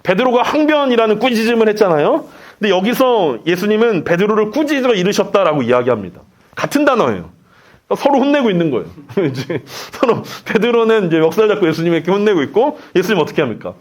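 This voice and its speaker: Brief: lively male preacher, higher pitch, dramatic storytelling delivery. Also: quick pace. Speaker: pastor. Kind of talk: sermon.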